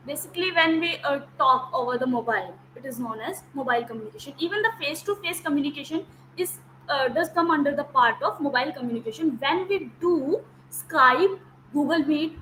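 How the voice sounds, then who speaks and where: Expressive, a bit bright and slightly fast, a high-pitched woman teaches an online lecture on a video call. This Hindi-native academic counsellor breaks things down step by step, repeats key terms and checks whether her students follow. The audio is poor, with slight background noise.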